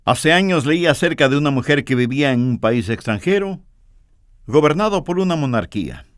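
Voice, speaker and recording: A man preaching a sermon, telling a story in an earnest, expressive way. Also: a little high, moderate pace, no echo, clean studio sound.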